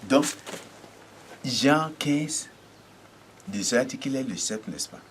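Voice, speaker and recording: A man preaching a teaching sermon, halting and repeating words, often asking rhetorical checks. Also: medium pitch, lively intonation, slight background noise.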